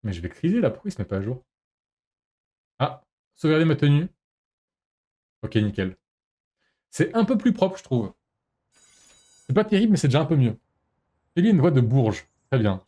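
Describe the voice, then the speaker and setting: Animated young man streaming a game. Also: mid-range voice, normal speed, long pauses. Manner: animated, exclaiming, talking to himself. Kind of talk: casual gaming commentary.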